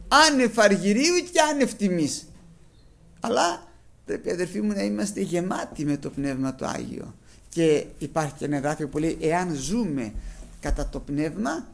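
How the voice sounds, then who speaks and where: A man's voice: on the high side, vocal fry, darkish tone. A middle-aged man preaching a sermon, telling stories emphatically and with dramatic outbursts. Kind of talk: Pentecostal sermon.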